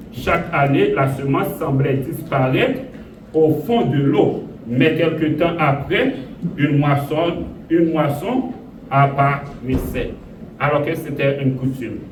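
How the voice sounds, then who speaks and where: A man from Haiti preaching a sermon as pastor, speaking slowly and repeating phrases for emphasis, with sudden emphatic rises. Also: mid-range voice, a little mellow. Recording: echoey room, voice from a distance, audible noise.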